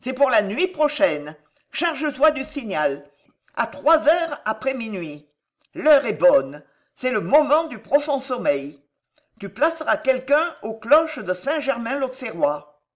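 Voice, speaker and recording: A woman's voice: on the high side, sing-song, slow, pitched above the performer's own voice, exaggerated voice. Woman voicing an imperious queen mother. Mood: cold scheming. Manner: imperious, clipped orders. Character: commanding older queen mother, cold and scheming.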